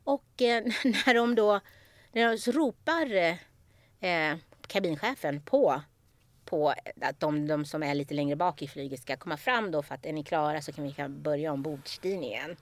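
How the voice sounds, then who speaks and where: A woman's voice: low voice, no room sound. A woman hosting a podcast, telling a story in casual chat and acting out the people in it. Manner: animated, acts out the people in her story. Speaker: podcast host.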